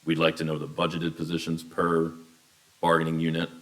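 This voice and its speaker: A man speaking for a union coalition in a bargaining session, measured and deliberate, slowing down to dictate data requests in a meeting room. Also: very deep voice, completely flat delivery. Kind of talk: formal negotiation statement.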